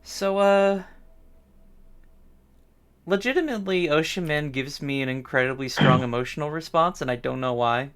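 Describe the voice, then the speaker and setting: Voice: medium pitch, moderate pace, pauses often, clear, resonant tone. A streamer hosting a live stream, chatting casually in a musing, rambling way with frequent restarts. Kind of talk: casual chat.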